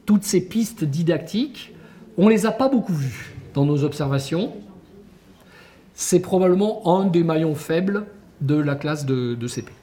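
Slightly high and a bit slow, this man's voice carries his conference lecture to teachers. As an education researcher, he speaks with animation and emphasis and asks the audience rhetorical questions.

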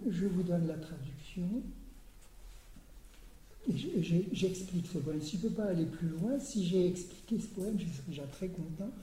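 An older man giving an academic lecture, hesitant, repeating words and often clearing his throat. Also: sits high, moderate pace, mellow, slight background noise. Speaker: lecturer on Persian poetry. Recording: roomy hall sound.

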